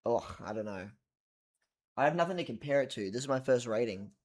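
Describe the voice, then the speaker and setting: A man's voice: medium pitch, lively intonation, brisk. A tired man rambling casually about an album late at night at home, swearing now and then and trailing off into mumbles. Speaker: vlogger reviewing a record.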